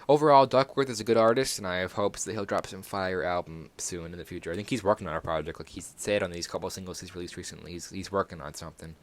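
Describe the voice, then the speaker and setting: A young man hosting a casual solo podcast, rambling through music news with many fillers and self-corrections. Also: fairly low pitch. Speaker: podcast host.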